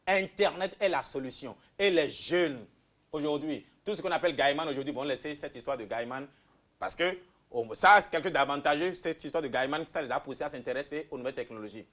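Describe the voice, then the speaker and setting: A man from Benin speaks, laying out his program as a candidate in an interview. His voice sits fairly high. He presses hard on key points with loud bursts, then drops into quieter asides. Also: brisk. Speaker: political candidate guest. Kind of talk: interview answers, campaign pitch.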